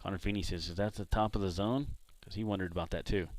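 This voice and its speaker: Low-voiced man calling a baseball game. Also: quick pace. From San Diego, California. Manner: relaxed, chatty between pitches, jumps up loud on big hits. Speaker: play-by-play announcer. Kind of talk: baseball play-by-play commentary.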